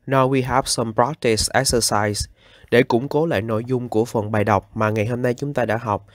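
A man's voice: mid-range voice, no room sound. Vietnamese-accented male teacher, dry sound. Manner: mixes English instructions with Vietnamese explanation. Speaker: English teacher. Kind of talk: explaining a classroom exercise.

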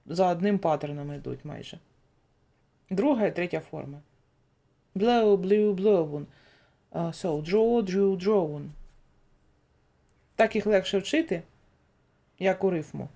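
A woman teacher reads vocabulary aloud at an unhurried pace, pausing between each form of a word. Her voice is mellow and warm rather than bright. It sounds like a patient recorded lesson. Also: fairly low pitch, vocal fry. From Ukraine. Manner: recites word forms slowly, then gives each meaning. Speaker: English teacher. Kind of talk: slow dictation-style vocabulary lesson.

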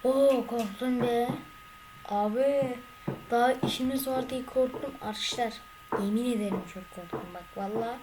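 A woman's voice: on the high side, moderate pace, dark tone, a little hiss or hum, rough recording. A young woman commenting on her gameplay as a gaming YouTuber, talking to her viewers and getting more and more frustrated. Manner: increasingly frustrated, exclaiming.

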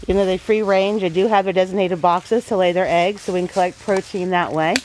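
A woman's voice: on the low side, steady tone, fairly quick, a little mellow, a little hiss or hum, low-quality recording. A woman homesteader giving a casual voice-over, plain-spoken and folksy with homey farm phrasing.

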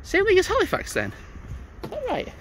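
With an extremely high, wildly swinging pitch and a fairly bright tone, this vlogger talks a little fast as he strolls snowy stadium-side paths, musing and reading signs. The handheld recording is low quality, with wind buffeting the mic.

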